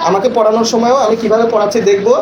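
Male teacher trainer with a high voice, quizzes the room, spells words letter by letter, echoey hall with noise. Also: little pitch movement, very fast, lo-fi sound, a crowd in the background. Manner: questioning, instructive, spells words aloud.

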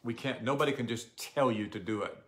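An older man giving a relaxed, conversational sermon, often asking the audience questions. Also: medium pitch, quick pace, a little hiss or hum. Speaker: pastor. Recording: echoey room.

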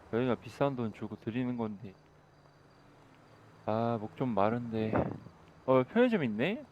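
A man improvising game role-play commentary, chatty and sarcastic, bursting into loud shouting. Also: mid-range voice, highs cut off, a little hiss or hum.

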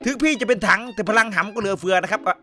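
A young man rattles off rowdy, crude jokes while commentating his shooter game, talking very quickly. His voice sits high for a man and sounds bright and sharp. Faint game music runs underneath. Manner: rowdy, joking and crude, full of swearing and banter. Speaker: game streamer. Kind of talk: comedic gameplay commentary.

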